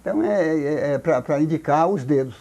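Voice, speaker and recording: An older Brazilian man, a folklorist with a Brazilian Portuguese accent, explains things slowly in a recorded oral history interview. He halts often, repeating words and restarting. His voice is mellow and on the high side.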